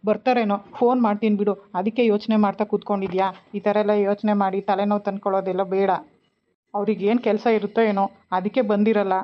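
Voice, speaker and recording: A woman playing a teasing husband, fast talk. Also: mid-range voice, flat delivery, natural voice. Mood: calm. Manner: quick, teasing. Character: teasing husband torn between two wives. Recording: dull lo-fi sound.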